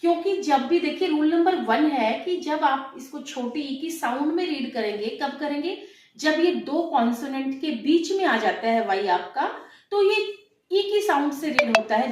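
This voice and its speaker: A woman from India teaching an English phonics lesson for children, explaining patiently and switching between Hindi and English. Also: high voice. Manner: mixes Hindi with English, addresses viewers as children. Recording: echoey room.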